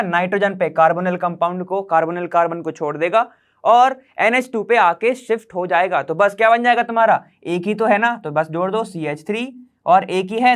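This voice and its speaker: A man's voice: high voice, fairly bright tone, clear, resonant tone. A man teaching chemistry problems step by step, chatty, quizzing the viewer and checking in with short "okay"s as he works. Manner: chatty, quizzes the viewer, keeps saying "theek hai".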